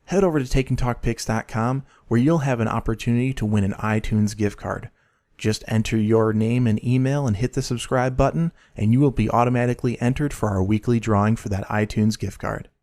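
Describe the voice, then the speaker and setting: A man's voice: mid-range voice, fairly quick, a little mellow. Upbeat podcast host guy, regular mid voice, chatty interview vibe.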